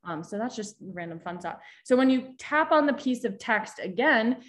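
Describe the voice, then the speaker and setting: A young woman, brought in as a social media guest expert, gives a chatty live tutorial over a video call. She explains things step by step but restarts often. Her voice is fairly high and animated, at a normal speed.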